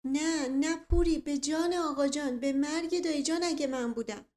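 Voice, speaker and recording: A woman's voice: high-pitched, darkish tone, pitched above the performer's own voice, lightly acted. A woman voicing a young man pleading desperately that he is innocent. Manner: pleading, swearing oaths.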